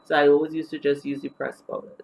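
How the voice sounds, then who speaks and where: Trinidadian woman for a casual beauty vlog; gravelly fry, open and talkative. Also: low-pitched, level tone, fast talker, darkish tone, a little hiss or hum, poor audio. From Trinidad and Tobago. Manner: chatty and candid, with many fillers. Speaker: beauty vlogger. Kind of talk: casual get-to-know-me vlog.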